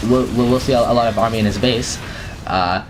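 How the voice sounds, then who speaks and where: A man's voice: mid-range voice, steady tone, fairly quick, background noise. A young man giving casual commentary over his own gameplay, stumbling and restarting often with many fillers.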